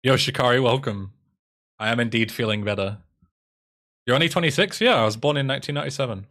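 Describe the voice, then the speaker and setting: Fast-talking and a bit bright at medium pitch, this English-accented man in his twenties streams and speedruns. He chats casually on his livestream, answering viewers' messages aloud, and comes from England.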